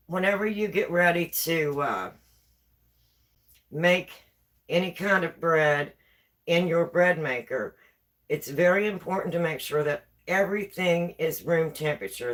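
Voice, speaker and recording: Her low-sitting voice carries a fairly bright tone as she runs a casual baking stream from her own kitchen. Speaking with a West Virginia accent, the woman chats and repeats herself while going through viewer comments, all picked up by a tripod-mounted camera.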